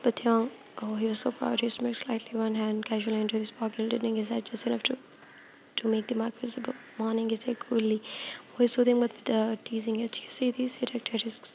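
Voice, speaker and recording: A woman reading a romance fan fiction aloud, soft and slipping into whispers, with small stumbles and restarts. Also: fairly high pitch, monotone, fairly quick, creaky, dull audio, a little hiss or hum. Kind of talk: storytime narration.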